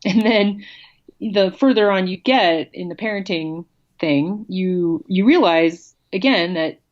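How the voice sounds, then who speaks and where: A woman's voice: mid-range voice, takes it slowly, highs cut off. A woman in a casual interview, speaking candidly and bluntly as a former pro cyclist guest, laughing often.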